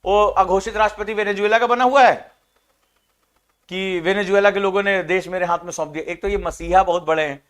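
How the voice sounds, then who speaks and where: A man giving casual commentary on world affairs, animated and mocking, acting out little scenes as he talks. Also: high-pitched, a little fast. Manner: acts out scenes with sound-alike chants. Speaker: political commentator.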